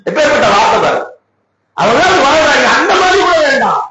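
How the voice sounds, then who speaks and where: A man with a Tamil Nadu accent preaching a Friday sermon in a mosque, impassioned, often shouting with tearful emphasis. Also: very high-pitched, very animated, a little fast. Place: mosque hall. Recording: echoey mosque PA, dull, noisy.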